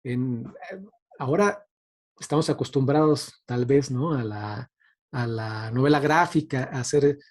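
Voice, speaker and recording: A man with a medium-pitched voice speaks a little slowly as a guest speaker giving an informal academic talk on radio drama. He sounds thoughtful and hesitant, often adding tag questions to check that listeners agree.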